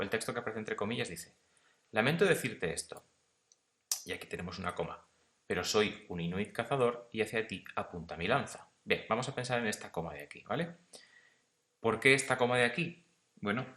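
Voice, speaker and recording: Low-voiced guy teaching punctuation, walks thru each comma, keeps asking if students follow. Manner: explains step by step, often checks in with "¿vale?"; reads quoted text slowly and louder. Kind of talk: punctuation lesson.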